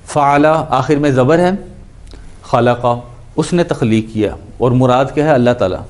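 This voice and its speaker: A male Quran and Arabic grammar teacher gives a grammar lesson in an ordinary middle pitch that is a little mellow. He goes step by step, repeating each verb form as he drills it and slipping English words into his explanations.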